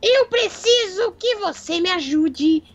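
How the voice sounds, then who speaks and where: A woman voicing an evil clown in a children's Minecraft role-play, with a giggly, sinister sing-song manner and drawn-out, threatening words. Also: extremely high pitch, lively intonation, full character voice. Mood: demanding. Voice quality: creaky, put-on evil voice. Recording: dull lo-fi sound, music behind.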